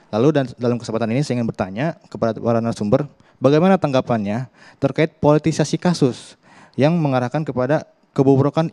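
A man's voice: medium pitch, dark tone, no room sound. A young man, a university student, asking a formal prepared question on a talk show. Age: young adult.

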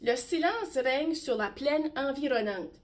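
A woman teacher reading a bedtime story aloud slowly and expressively. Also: high-pitched. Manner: slow, gentle, expressive.

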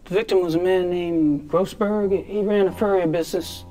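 A man voices an American investigator in a game, casual and prying. His voice sits high, and his questions come out easy and offhand. Game music plays beneath him. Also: fairly even intonation, normal speed, close to an everyday voice. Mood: curious. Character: American male investigator, nosy and curious.

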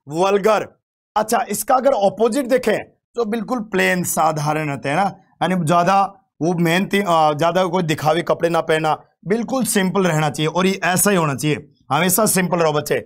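A man teaching English vocabulary in an online exam-prep lesson, playful and teasing, repeating words again and again and chatting to his students. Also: high-pitched. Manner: addresses students as "bachche", chatty.

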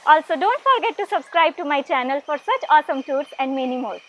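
High-voiced woman presenting a vlog. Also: animated, fast, a bit bright, poor audio. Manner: cheerful, friendly presenting. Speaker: travel vlogger. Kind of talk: scripted vlog to camera. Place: outdoors by plants and pillars.

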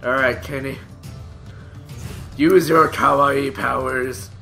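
A man commentating casually on his own video game play, swearing constantly and breaking into excitable outbursts. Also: medium pitch, takes it slowly, creaky. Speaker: gamer doing a let's play. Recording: commentary over loud game music.

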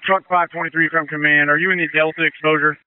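A man's voice: on the high side, little pitch movement, quick pace, smooth. A man acting as incident commander on a two-way radio, giving urgent, clipped orders and questions. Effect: two-way radio transmission. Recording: narrowband fire radio transmission.

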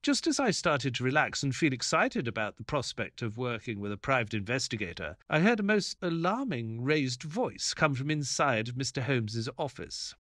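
A man playing a mild, earnest doctor who narrates his detective tale in a measured, polite audio play style. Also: medium pitch, big pitch swings, a bit bright, no room sound, studio quality. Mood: reflective. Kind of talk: dramatic first-person audio play narration.

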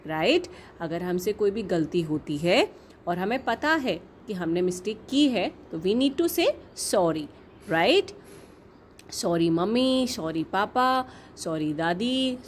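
A young woman teaching a kindergarten class, asking simple questions in a slow, sing-song teacherly way and mixing in English words. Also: medium pitch, a little hiss or hum. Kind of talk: online class lesson for young children.

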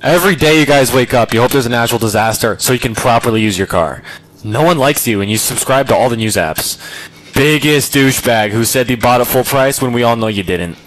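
A man with a medium-pitched voice narrates a scripted comic roast for social media. Faint noise sits behind him. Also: brisk, fairly bright tone, rough recording.

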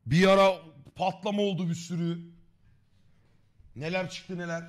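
A man's voice: high-pitched, steady tone, moderate pace. A man streaming live, casually joking and reading out viewer messages. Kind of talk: live-stream reaction chat.

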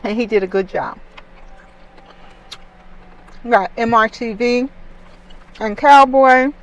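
A middle-aged woman talking casually to camera while eating, chewing as she talks and leaving long pauses between bites. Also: a little high, poor audio. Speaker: food review vlogger. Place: inside a parked car.

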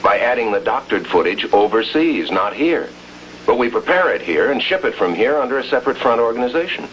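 An American actor playing a watchful undercover agent in a 1950s television crime drama, speaking in a clipped, grave way. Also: male voice, medium pitch, big pitch swings, brisk, a bit bright. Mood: firm, persuasive. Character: tense, watchful male undercover agent in his prime. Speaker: lead actor and voice-over narrator. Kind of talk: 1950s television crime drama acting and terse voice-over narration. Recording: muffled, noisy 1950s television film soundtrack.

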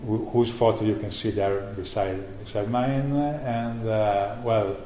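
A middle-aged man giving a conference keynote about software he maintains, speaking haltingly with many fillers and restarts. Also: fairly low pitch, steady tone. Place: conference hall. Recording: echoey room with faint noise.

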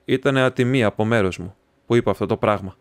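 A man's voice: fairly low pitch, no room sound, close to an everyday voice. Terse, bitter young student , voiced by a male narrator; dry sound. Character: brooding poor young male student, ashamed.

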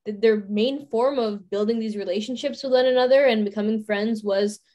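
On a video call panel, a twenty-something university student talks fairly quickly in a slightly high voice with a darkish tone. The discussion is casual, and she thinks aloud, looping back with frequent restarts and plenty of "you know."

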